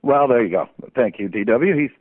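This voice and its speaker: A man's voice: mid-range voice, expressive, a little fast, slightly rough, dry recording. A man from New Orleans, a voice actor guest, telling jokey stories with chuckles over the phone. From New Orleans, USA. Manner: playful, jokey storyteller with frequent chuckles. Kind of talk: phone interview chat. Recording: tinny dry phone line.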